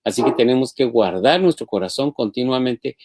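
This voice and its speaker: Guy co-hosting a marriage livestream, mid-pitch, teacherly, keeps restarting words. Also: moderate pace, darkish tone, dry recording. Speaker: marriage talk co-host. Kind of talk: live-streamed marriage teaching.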